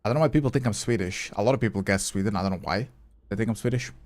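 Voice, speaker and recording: A man with a slightly low voice streaming a game live. He chats loosely with his viewers between moves and thinks out loud about what to try next, dropping the odd curse along the way. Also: very fast. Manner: chatty, answers viewer chat while playing; swears casually, thinks aloud. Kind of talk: casual live gameplay commentary.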